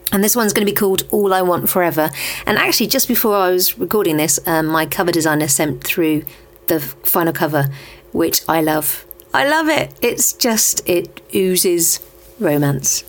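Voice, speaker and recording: A woman who is an author and podcast host chats casually on her own show before interviewing a guest, full of warm enthusiasm and lots of ums and other fillers. Her voice is on the low side and she speaks at a moderate pace.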